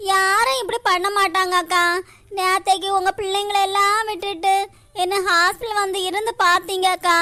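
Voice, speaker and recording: An ailing cartoon wife, voiced by a woman, pours out her thanks in a pleading tone. Her voice is very high and bright, recorded dry and close. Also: no room sound. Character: ailing, grateful young village wife, cartoon. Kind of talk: cartoon voice acting.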